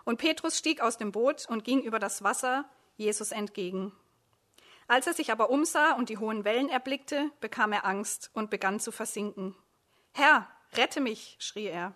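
A woman who preaches and leads a discipleship program retells a Bible story dramatically in a sermon, speaking in second person straight to her listeners. Her voice is on the high side and fairly bright, at a moderate pace.

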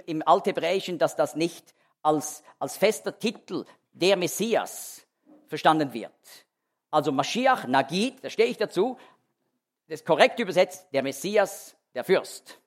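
A man's voice: high voice, fairly bright tone. A man teaching a sermon verse by verse, explaining emphatically and often restarting his sentences. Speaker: Bible teacher. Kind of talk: expository sermon.

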